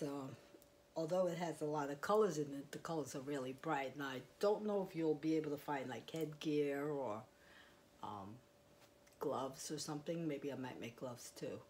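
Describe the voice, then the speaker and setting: A woman with a low voice talks through her crochet in a loose, rambling way, full of fillers. She speaks into a clip-on mic in a quiet house, with a faint hiss behind her. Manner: rambling, chatty, with fillers and small laughs. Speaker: crochet vlogger. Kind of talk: casual show-and-tell. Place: quiet home, indoors.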